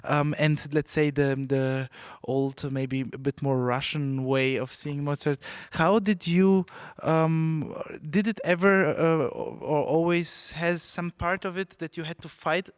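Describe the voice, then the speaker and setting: A man hosting an interview for an orchestra, with a smooth, resonant voice pitched a little high. He talks haltingly with lots of ums and restarts. The sound is dry and close. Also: steady tone, no room sound. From Bulgaria. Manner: hesitant, many fillers and restarts. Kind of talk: conversational interview.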